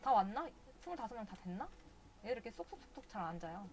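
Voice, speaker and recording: A woman's voice: medium pitch, very animated, fast talker, noisy background. A woman streaming a video game live, chatting casually and cursing at the characters in exasperation.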